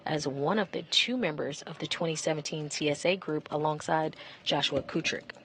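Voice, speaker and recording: A woman giving measured, informative live commentary as a public affairs announcer for a spacewalk. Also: sits low, a bit bright, a little hiss or hum.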